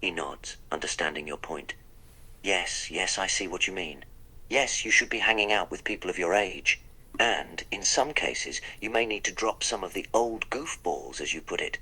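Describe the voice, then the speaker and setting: A man gives the Doctor, that wry, polite, eccentric time traveller, a deep, husky, exaggerated voice that's bright and forceful at normal speed. It's a text-to-speech role-play in which he narrates his own actions, and the audio quality is poor.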